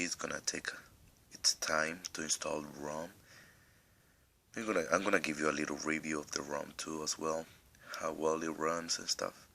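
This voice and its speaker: Very deep gravelly man with an accent. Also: sharp tone. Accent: non-native English accent. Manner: rambling, restarts often, step-by-step. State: coughing, with a cough. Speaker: tech tutorial host. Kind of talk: casual screen tutorial.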